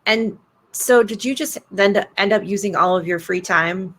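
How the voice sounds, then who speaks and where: A woman author interviewing a guest on a video call, chatting casually and telling lively stories with dramatic exclamations. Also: medium pitch. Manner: animated storyteller, dramatic exclamations and quick asides.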